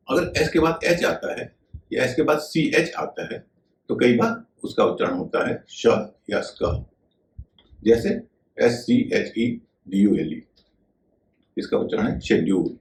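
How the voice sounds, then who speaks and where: A man with a low voice teaches pronunciation in a calm, measured way. He spells words out letter by letter before saying them. His voice rings in an echoey room over a faint background hiss. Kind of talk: explanatory video lesson.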